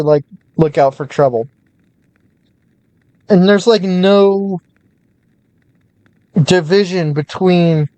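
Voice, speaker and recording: A man's voice: high-pitched, a little mellow. Young man reading game text aloud. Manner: slow storybook reading that breaks into loose, swearing asides. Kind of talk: casual let's-play commentary.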